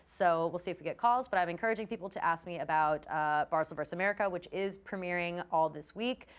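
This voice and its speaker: A woman hosting a live talk show in casual chat, chatty and quick to swear. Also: lowish voice, clear, resonant tone. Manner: chatty, profane, quick asides. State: out of breath.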